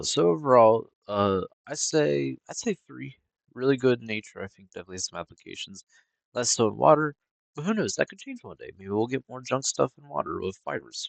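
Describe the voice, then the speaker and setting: A man with a fairly low, vocal-fry voice casually reviews game cards, rambling along with plenty of fillers and hedges. He's laid-back, even yawning now and then, and the recording has no echo.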